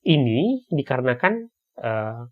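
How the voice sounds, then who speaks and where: A man's voice: medium pitch, very animated, unhurried, narrow, tinny audio. A man giving a casual, conversational explanatory talk, often checking in with tag questions.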